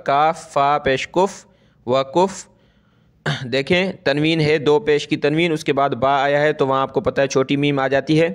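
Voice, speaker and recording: A man teaching Quran reading, spelling each word out letter by letter and then reciting it slowly and drawn out. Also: medium pitch, smooth.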